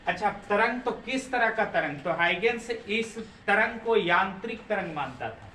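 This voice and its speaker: High, bright-voiced man lecturing a class. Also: expressive, normal speed, slight background noise. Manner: asks the class questions and repeats answers. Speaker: physics teacher. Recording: roomy classroom, from far off.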